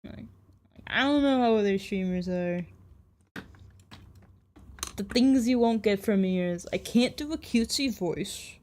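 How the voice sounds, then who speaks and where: A woman streamer chatting casually with her live chat, relaxed and rambling, swearing now and then. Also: mid-range voice, a little slow, pauses often. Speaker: streamer and Live2D artist.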